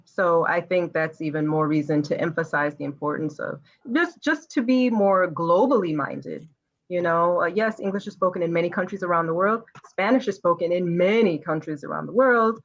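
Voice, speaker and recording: A woman guest in a casual interview, speaking in a measured, reflective way. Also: lowish voice, muffled recording.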